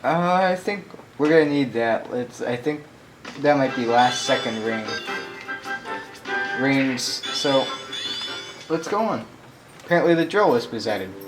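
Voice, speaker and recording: Young guy rambling over a game, excitable, mid voice, game music loud behind. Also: mid-range voice, measured pace, long pauses, rough recording. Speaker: gameplay commentator. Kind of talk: casual gameplay commentary.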